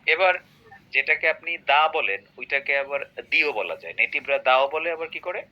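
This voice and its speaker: A man's voice: a little high, expressive, normal speed. A man teaching an English grammar lesson, often checking on his student with short tag questions. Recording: dull lo-fi recording.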